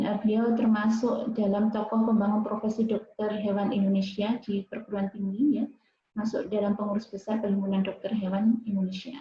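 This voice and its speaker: Woman, moderator, higher voice, hesitant with fillers, echoey room, dull video-call audio. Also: slight background noise. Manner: hesitant, many fillers and tag questions. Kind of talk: reading out a speaker's CV at an online lecture.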